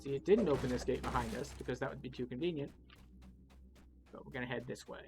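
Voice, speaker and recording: Guiding a video game playthrough, a man offers casual, wry, explanatory commentary at a quick pace and medium pitch. Video game music plays behind his voice.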